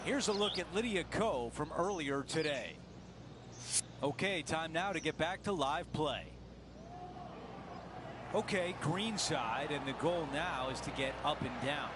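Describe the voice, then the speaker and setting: Male golf commentator, live play-by-play, voice a touch high, very noisy outdoor backdrop. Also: animated, a little slow, pauses often. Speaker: golf commentator, lead announcer. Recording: noisy outdoor crowd recording. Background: loud crowd and outdoor ambience.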